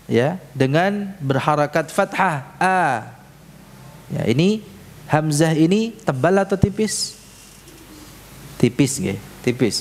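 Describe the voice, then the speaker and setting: A man teaching correct Quran letter pronunciation in a mosque, speaking slowly and patiently and leading the class in repeating sounds. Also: a little high. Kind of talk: tajwid lesson in a mosque. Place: mosque prayer hall. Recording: reverberant hall, faint room noise.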